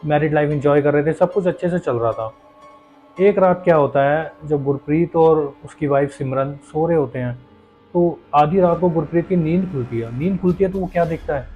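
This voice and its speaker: A man's voice: a little high, highs cut off. A man narrating a horror story in a casual, conversational, suspense-building way. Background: faint background music.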